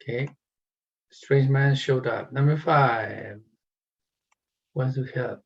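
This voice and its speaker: A man's voice: medium pitch, slow pace, gravelly, slightly rough, highs cut off. A man teaching an English class, encouraging students and calling on them by name.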